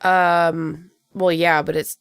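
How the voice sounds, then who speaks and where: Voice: medium pitch, flat delivery, slow, fairly bright tone, clean tone, no room sound, studio quality. A podcast co-host chatting eagerly about a film, swearing freely. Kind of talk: casual film review chat.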